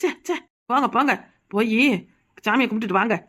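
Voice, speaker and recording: A woman voicing a sharp-tongued young village woman in a cartoon comedy, sarcastic and irreverent, with a Kanyakumari Tamil accent. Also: on the high side, brisk. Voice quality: sarcastic, mouthy.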